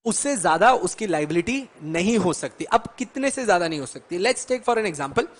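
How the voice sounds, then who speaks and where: Guy with a high voice lecturing a class, jokey, teases students, flips between hindi and english. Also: lively intonation, normal speed. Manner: playful, teasing students, mixes Hindi and English. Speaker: law lecturer.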